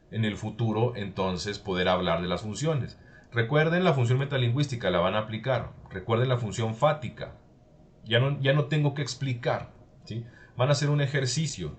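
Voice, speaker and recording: Low-voiced man teaching a class. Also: a little hiss or hum. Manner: explanatory, checks in with "¿sí?" often. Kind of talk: recorded class lecture.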